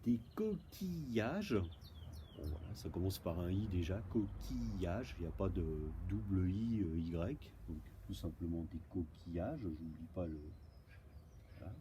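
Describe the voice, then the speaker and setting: A man's voice: low voice, normal speed, background noise. A man with a French accent, a primary school teacher going over homework answers for pupils at home, patiently spelling words letter by letter. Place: outdoors, windy.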